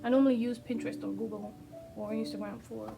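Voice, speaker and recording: Sketching on camera for a casual vlog, this non-native English speaker rambles with many pauses and ums, putting herself down as she goes. Her voice is a little high and steady, with some vocal fry, picked up by a distant mic with music behind it.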